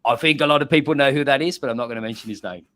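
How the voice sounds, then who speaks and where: A man, a pub and bar owner, chatting as a guest and telling animated stories, often repeating words. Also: medium pitch, racing. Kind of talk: casual chat.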